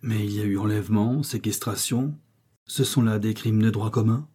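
A man's voice: lowish voice, normal speed, dark tone, breathy edge. A man reading the part of a cautious policeman who objects urgently, in an audiobook. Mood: protesting. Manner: protesting, urgent. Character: cautious male policeman, protesting.

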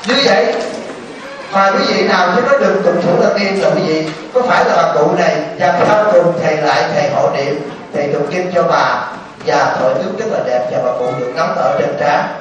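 A man's voice: fairly high pitch, a little fast, highs cut off, slight background noise. A man, a Buddhist monk, preaching to a live assembly, telling stories and asking the audience questions. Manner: storytelling, asks the audience questions. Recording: echoey hall, distant mic.

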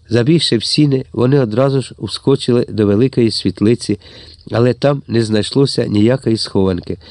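A man narrating a story as an audiobook reader, steady and tense. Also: medium pitch, no room sound. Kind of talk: scripted narration.

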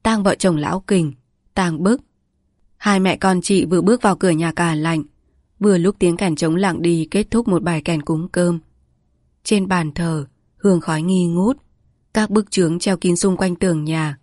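Low-voiced woman narrating a village story. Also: normal speed, a little mellow, dry recording, clean studio sound. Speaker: audiobook narrator.

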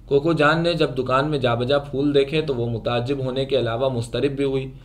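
A man narrating a literary short story aloud in a measured, even storytelling manner. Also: medium pitch.

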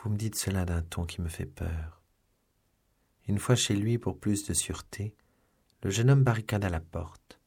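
A man narrating a classic novel in a measured, expressive audiobook reading. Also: deep voice, breathy edge. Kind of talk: scripted narration.

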